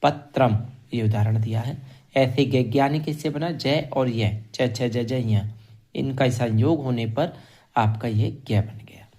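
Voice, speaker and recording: A man teaching a Sanskrit grammar lesson, slowly drilling syllables one by one and repeating them. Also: mid-range voice, mellow, slightly rough.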